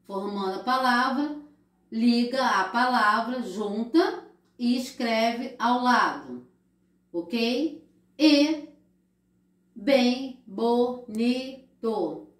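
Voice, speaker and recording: Brazilian woman primary teacher, middle-aged, slightly high voice, very slow and patient delivery, echoey room. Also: animated. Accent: Brazilian Portuguese. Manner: slow, patient, drawn-out explaining to children. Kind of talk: recorded remote class lesson.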